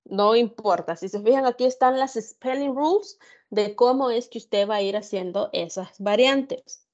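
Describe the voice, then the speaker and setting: A woman teaching an online grammar lesson, her voice sitting a little high. She talks very slowly and carefully, checking in with her students as she goes. The sound is muffled and lo-fi, as from a computer mic. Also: a little mellow. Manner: slow, careful explaining with examples and questions. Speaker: English tutor. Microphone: computer mic on an online class.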